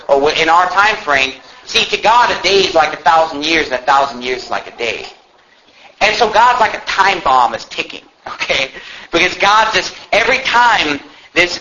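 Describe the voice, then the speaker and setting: With a high-pitched, bright, and forceful voice, an American man delivers a sermon. He hammers his points home emphatically through repetition and rhetorical questions, and the audio is muffled and lo-fi with some faint background noise.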